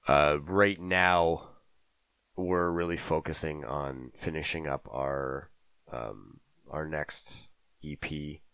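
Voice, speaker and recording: A man co-hosting a casual podcast from his home basement music room, talking in a halting way with many fillers and restarts. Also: extremely low pitch, fairly even intonation, creaky, fairly bright tone, clean tone, no echo. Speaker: podcast co-host. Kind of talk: casual chat.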